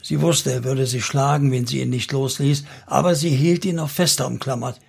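Gravelly male audiobook narrator. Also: medium pitch, fairly even intonation. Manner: measured, literary.

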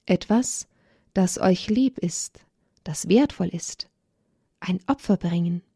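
Priest in a children's story read by a woman, slow, earnest, urging, dry sound. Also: a little high, mellow, no room sound, voice pushed up. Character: solemn village priest speaking to children.

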